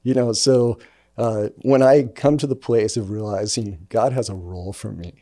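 A man, a pastor, talking in a relaxed, affirming, conversational way in a casual church podcast discussion. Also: on the low side, moderate pace.

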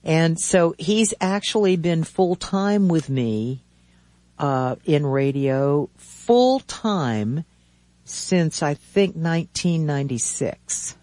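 A man in his seventies hosting a radio talk show from a studio, chatting casually in a rambling, halting way with many restarts. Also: fairly high pitch, expressive, darkish tone, dry recording.

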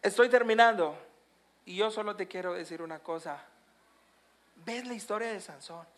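Preacher telling a bible story, gets loud then drops to a hush, really dramatic. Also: mid-range voice, normal speed. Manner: dramatic, swings between loud and hushed. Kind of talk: storytelling sermon.

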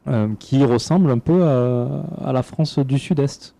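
Man, podcast panelist, casual chat, mellow tone, enthusiastic, stumbles over repeated words. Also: mid-range voice, a little slow, vocal fry, dry recording.

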